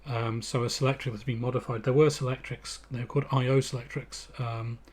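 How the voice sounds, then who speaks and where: A man's voice: mid-range voice, little pitch movement, fairly quick. An English man hosting a live stream, chatting casually and rambling with lots of fillers and restarts. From England. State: out of breath. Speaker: livestream host.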